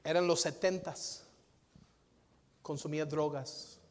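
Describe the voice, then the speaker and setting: High-voiced preacher in a reverberant hall. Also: male voice, fairly even intonation, slow pace. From United States. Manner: dynamic preaching, swings from soft to loud, repeats phrases. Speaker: pastor. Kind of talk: sermon. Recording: long reverb of a large hall.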